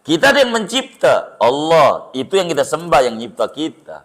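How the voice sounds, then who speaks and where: A man's voice: fairly high pitch, moderate pace. A middle-aged man preaching to a congregation, firing rhetorical questions at his listeners and joking as he teaches. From Indonesia. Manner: animated, rhetorical questions to the audience, jokes. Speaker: Islamic preacher. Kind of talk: sermon to a live congregation.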